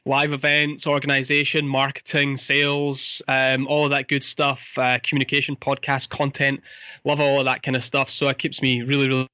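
A man with a Fife accent from the east of Scotland talks casually as a podcast guest. His voice is mid-pitched and bright, with a forward edge. The recording is dry and a little dull, like a remote call. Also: completely flat delivery, moderate pace, clear, resonant tone, dry recording. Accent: Fife Scottish. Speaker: podcast guest, business owner. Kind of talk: casual interview talk.

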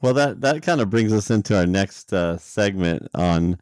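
A man's voice: lowish voice, lively intonation, normal speed, a little mellow, dry recording, studio quality. A man hosting a casual podcast chat who steers the talk into the next segment and acts out people's reactions in an easygoing way.

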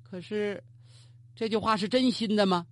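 A storyteller telling a historical tale in the traditional Chinese style, lively and colloquial, turning to address the listener. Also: mid-range voice, moderate pace. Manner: animated, colloquial, asides to the listener.

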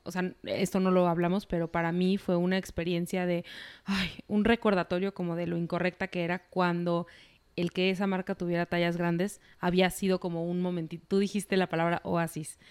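A woman's voice: lowish voice, flat delivery, fairly quick, a little mellow, smooth. A woman hosting a podcast, an engaged, affirming interviewer who relates her own experiences. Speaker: podcast host, psychologist. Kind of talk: casual podcast conversation.

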